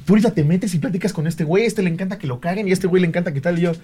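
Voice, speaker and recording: A man with a Mexican accent, a stand-up comedian hosting, bantering in quick, slangy casual chat. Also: sits high, mellow, husky. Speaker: podcast host, stand-up comedian.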